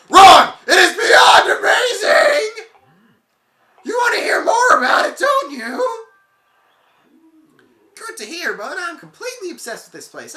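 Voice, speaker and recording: Surfer-dude rock creature with a hillbilly twang , voiced by a let's player: bright, swooping drawl, says "bud" a lot. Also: very high voice, echoey room, voice pushed up, heavily acted. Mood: thrilled. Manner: calls the listener "bud". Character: excitable male rock creature who talks like a surfer.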